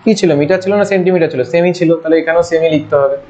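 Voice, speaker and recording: A man's voice: on the high side, very fast, warm tone. A man teaching an online maths lesson over slides. He talks informally, asking his students questions and answering them himself. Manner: informal, addresses students with familiar forms. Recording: dull lo-fi audio.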